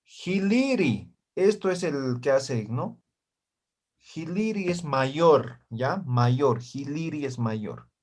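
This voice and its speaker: Online class teacher, male, patient and repetitive, slow delivery, video-call sound. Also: on the high side, animated, darkish tone. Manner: slow, repeats words and checks with "¿ya?" and "¿no ve?". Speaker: Aymara language teacher.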